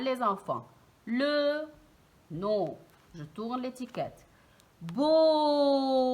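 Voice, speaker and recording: Femme enseignante, très lente et articulée. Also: female voice, on the high side. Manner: slow, clearly articulated, stressing each sound. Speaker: teacher. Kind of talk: early reading lesson for children.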